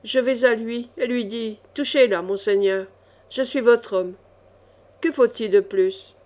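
A woman voicing a cool, ironic young male chevalier in a storybook reading, calm and mocking. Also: fairly high pitch, a little slow, lightly acted.

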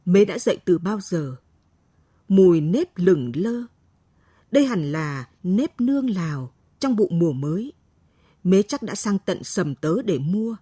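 A woman reading a story aloud in a slow, expressive storyteller's manner. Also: fairly low pitch, slightly rough, no room sound, clean studio sound. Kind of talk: scripted narration.

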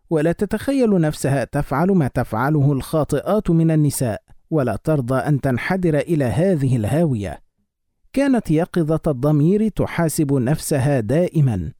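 A man reading a romance novel aloud as narrator in measured, expressive audiobook style. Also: fairly high pitch, no room sound, clean studio sound.

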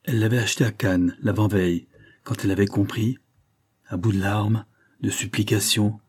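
A man reading a literary novel aloud in measured, steady storytelling. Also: lowish voice, breathy edge. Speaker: audiobook narrator. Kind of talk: literary audiobook narration.

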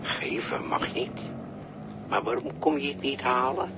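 Heard on a noisy 1960s radio recording, a man with a medium-pitched, creaky voice speaks at a measured pace. He acts a cryptic, mocking sailor who preaches philosophy in a radio drama, his tone taunting and sermonizing.

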